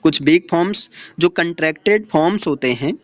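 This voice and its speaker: A man's voice: fairly high pitch, brisk, dry recording. Man teaching phonetics, step by step. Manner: explains step by step, checking in with "ठीक है" and "है ना". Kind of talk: exam-prep lecture explaining slides.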